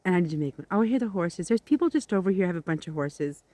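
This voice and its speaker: A woman's voice: fairly low pitch, animated, fast talker, mellow, dry recording. A middle-aged woman rambling casually to her viewers outdoors, in a chatty, informal way. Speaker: vlogger. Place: outdoors in the countryside.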